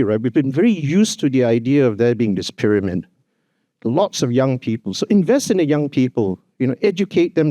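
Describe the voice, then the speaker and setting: A Singaporean man delivers a formal opening address in a hotel conference hall, earnest and emphatic, often tossing in "you know" and "actually." His mid-range voice is warm, and the recording is dry.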